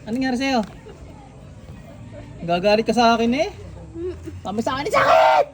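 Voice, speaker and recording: A man's voice: very high-pitched, normal speed, some chatter behind. A man, a faith healer leading a ritual, sternly taunting and interrogating spirits. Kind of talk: healing ritual, commanding spirits. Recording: noisy room recording.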